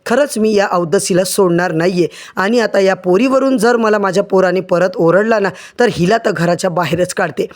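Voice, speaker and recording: A man voicing an angry, scolding middle-aged mother-in-law in a retold TV serial story, with harsh, shrill scolding. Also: normal speed, few pauses, lightly acted.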